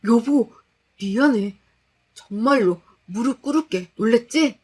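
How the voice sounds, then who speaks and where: A woman voicing an unsettling young married man who pleads and apologizes in a slow, coaxing way. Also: a little high, animated, darkish tone, breathy edge. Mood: pleading.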